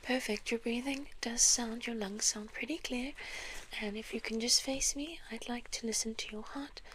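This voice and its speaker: A South African woman in a whispered role-play as a gentle, reassuring doctor, speaking softly and very close, right into the ear. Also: a little high, steady tone, slight background noise. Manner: gentle, reassuring, unhurried patter of an examiner. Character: polite, reassuring female doctor examining a patient. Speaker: ASMR performer playing a clinic doctor. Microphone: very close microphone.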